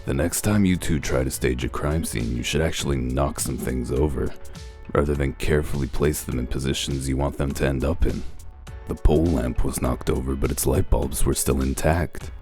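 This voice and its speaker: A man acts a detective in a comic dub, using an extremely low, gruff voice that is steady and a little mellow. As first-person narrator in a hardboiled comic-book style, he lays out his reasoning in a dry, deliberate, confident, smugly methodical monologue, with music under the voice.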